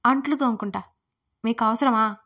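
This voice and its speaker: A woman's voice: on the high side, brisk, natural voice. A woman doing a feisty young college heroine. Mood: indignant. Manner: indignant, shouty protests.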